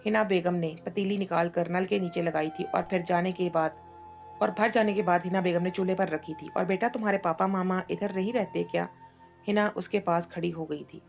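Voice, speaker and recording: Woman reading a story out loud, gravelly lowish voice, faint music behind. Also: normal speed. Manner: steady storytelling. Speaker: narrator. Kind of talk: story read aloud.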